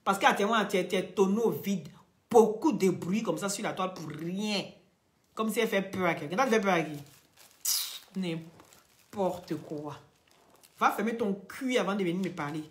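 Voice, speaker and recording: A woman, hoarse from losing her voice, loudly taunting and laughing through a live-stream rant. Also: mid-range voice, fairly quick. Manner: loud, taunting, laughing often. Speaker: social media live streamer.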